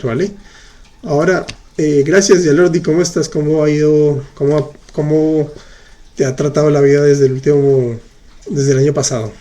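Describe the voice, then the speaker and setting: A man leads a live online lesson, talking slowly and patiently as he repeats each example. His voice sits a little high but has a mellow, soft tone. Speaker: French teacher. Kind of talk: live online class, answering chat.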